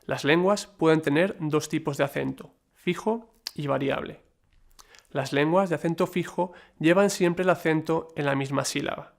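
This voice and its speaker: A man reading a scripted lesson in a measured, explanatory way, with the odd slip and filler. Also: fairly high pitch, creaky. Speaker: lecturer. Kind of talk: scripted educational narration.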